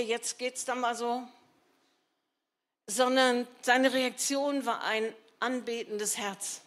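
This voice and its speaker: A woman with a high, slightly bright voice preaches a sermon earnestly and emphatically in a conversational way, turning to the congregation with rhetorical asides.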